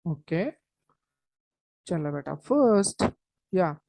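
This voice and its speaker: A woman with an Indian accent teaching an online lesson in a halting, repetitive way, dropping in Hindi interjections. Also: fairly low pitch, very animated, creaky, warm tone, dry recording. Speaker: chemistry teacher.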